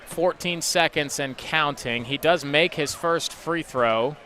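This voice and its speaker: A man doing rapid play-by-play for high school basketball on radio, chatting with his co-hosts between plays. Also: pushed and bright. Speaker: play-by-play announcer.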